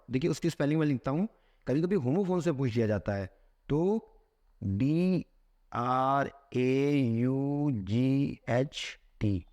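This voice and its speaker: A man teaching vocabulary for competitive exams. He asks a question, answers it himself, and reads English phrases slowly, word by word. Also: a little high, warm tone. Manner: asks a question, then answers it with a repeated keyword. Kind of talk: explaining a vocabulary lesson.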